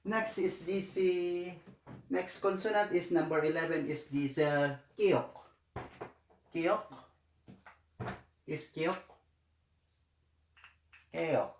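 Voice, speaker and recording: Slow and halting, a male Korean tutor works through a writing lesson one step at a time, repeating himself and filling pauses. His voice sits slightly high, the room is echoey, and there's slight background noise.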